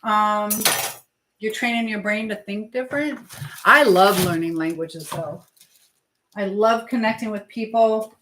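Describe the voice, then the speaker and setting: This is a casual live chat while cooking, led by a woman who is a livestream host and language teacher, rambling and thinking aloud in her home kitchen. Her medium-pitched voice is fairly bright and a little slow. There's a roomy echo along with clear background noise.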